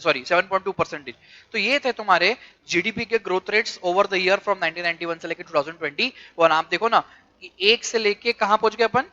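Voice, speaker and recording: Man, Indian English accent, high voice, commerce lecture, asks the class quick questions, dull lo-fi sound. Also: pushed and bright. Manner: mixes English and Hindi, quizzes students with quick questions. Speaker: commerce teacher.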